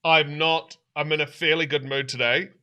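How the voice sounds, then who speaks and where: A man's voice: fairly high pitch, steady tone, moderate pace, bright, forceful tone, clean tone. A man voicing a haughty male demon that appears as a giant flaming head, speaking in a pompous, easily offended way.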